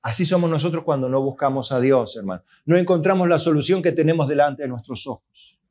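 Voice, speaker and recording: Animated Argentine pastor preaching. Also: male voice, fairly high pitch, fairly quick. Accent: Argentine Spanish. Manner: animated preaching that acts out voices of God and the complaining believer; asks the congregation questions and answers them himself. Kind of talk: sermon.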